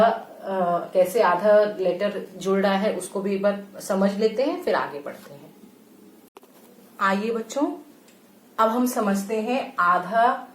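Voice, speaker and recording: A woman's voice: mid-range voice, reverberant. A woman teaching a Hindi lesson to young children, patiently repeating each sound and mixing in English phrases. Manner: patient, repeats sounds slowly, calls pupils beta, mixes in English. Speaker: primary school teacher.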